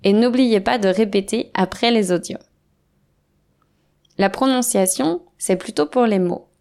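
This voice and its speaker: A French teacher, a woman, giving a scripted lesson with clear, deliberate explanations and spoken examples. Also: mid-range voice, a little mellow.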